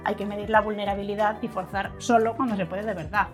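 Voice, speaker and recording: A woman's voice: mid-range voice, steady tone, fast, over music. A woman reading a first-person story in a wry, conversational narration, now and then acting out angry outbursts.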